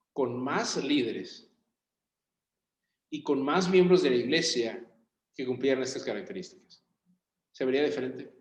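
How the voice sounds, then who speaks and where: A man, a pastor leading a Bible study in a church room, talking conversationally and putting questions to his group. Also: medium pitch. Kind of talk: interactive Bible study teaching. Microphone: room recording for a video call. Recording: roomy echo.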